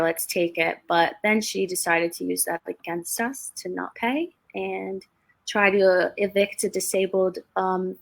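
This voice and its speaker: With a mid-range voice and vocal fry, this twenty-something woman, a real estate investor, is the guest on a casual livestreamed interview. She tells easygoing, chatty stories with laughter in between.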